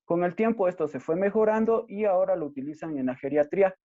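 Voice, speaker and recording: Ecuadorian man intern, mellow and steady, reading his part, dry muffled audio. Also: high voice, quick pace. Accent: Ecuadorian Spanish. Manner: steady, informative, reads prepared text. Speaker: hospital intern presenting to classmates. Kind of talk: read class presentation.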